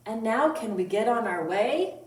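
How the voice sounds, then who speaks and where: The woman leading this children's library storytime has a fairly high, expressive voice at a moderate pace. She keeps it playful and sing-song, asking little ones simple questions between poems and songs. It's captured on a distant mic with roomy echo and faint background noise.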